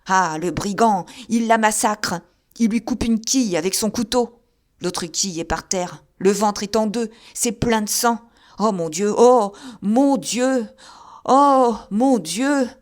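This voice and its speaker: A woman voicing a delirious drunk man who yells frantically in rough slang. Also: medium pitch, a little slow, lightly acted. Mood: terrified.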